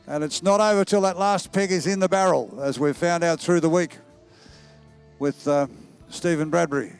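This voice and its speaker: A man with a croaky, slightly hoarse voice giving live commentary on horse sport as an event commentator. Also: a little high, moderate pace, soft background music. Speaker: race commentator.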